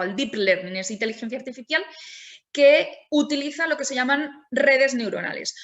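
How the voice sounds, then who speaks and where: A woman's voice: high voice, a bit bright. A woman giving a webinar presentation, explaining things with frequent restarts. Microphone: video call.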